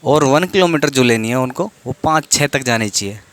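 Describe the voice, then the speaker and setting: A man's voice: mid-range voice, expressive, normal speed, no room sound. A young man talking casually, giving practical training advice and often checking in with the listener. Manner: informal, repeats "theek hai", restarts words. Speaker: exam coaching vlogger.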